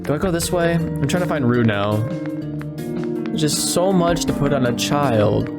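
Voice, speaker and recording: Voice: mid-range voice, animated, measured pace, over loud music. A gamer commenting casually and emotionally while playing, talking to the characters and rambling along. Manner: emotional, talks to the game characters; chatty and rambling. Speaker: let's play gamer.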